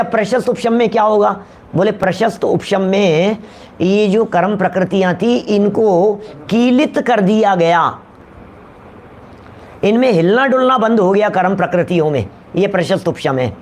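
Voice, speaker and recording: Man, high voice, classroom lecture, repeats key points, calls on students. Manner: repeats points, calls on listeners by name, asks "क्या?". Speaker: teacher of scripture.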